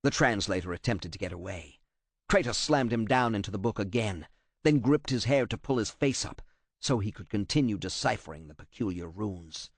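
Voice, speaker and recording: A man narrating an audiobook with a dramatic, expressive delivery. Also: fairly low pitch, moderate pace, dry recording.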